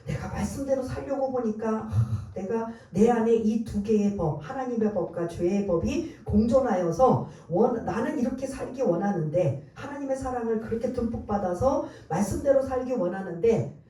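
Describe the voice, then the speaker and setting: A woman's voice: a little high, normal speed, dark tone. A woman pastor preaching a sermon, emphatic and quizzing her congregation with rhetorical questions. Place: church sanctuary. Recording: very echoey church hall, mic at a distance.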